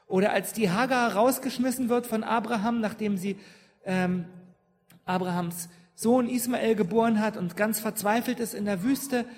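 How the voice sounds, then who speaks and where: A woman's voice: a little high, moderate pace, a little mellow. Lady pastor preaching, keeps asking the congregation stuff, big church echo. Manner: engages the congregation with questions and frequent "ja?". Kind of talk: sermon. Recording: long church reverb.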